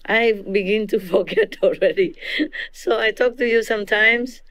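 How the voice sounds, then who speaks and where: A woman with a Vietnamese accent, a spiritual teacher, gives an informal teaching to disciples, laughing often and repeatedly checking in with her listeners. Her medium-pitched voice is a bit bright at normal speed, with slight background noise.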